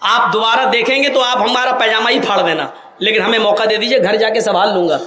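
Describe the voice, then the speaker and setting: A flustered, pleading man, as a preacher puts him on, talking quickly in a high, bright voice. The echo of a large hall hangs behind him. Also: a little hiss or hum.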